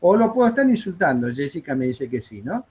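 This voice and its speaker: High-voiced Argentine man lecturing. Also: very animated, brisk, a little mellow. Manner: chatty storyteller, frequent "este" fillers. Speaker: aviation course instructor. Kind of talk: classroom lecture with anecdotes.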